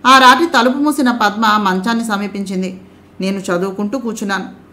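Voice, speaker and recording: A woman narrating an audio story in a calm, measured reading voice. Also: medium pitch.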